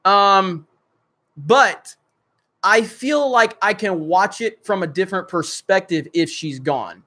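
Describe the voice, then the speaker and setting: This man hosts a casual livestream, reading super chats and answering viewer comments in a rambling way full of fillers. His voice is high, bright and pushed, with lively intonation, and he takes it slowly.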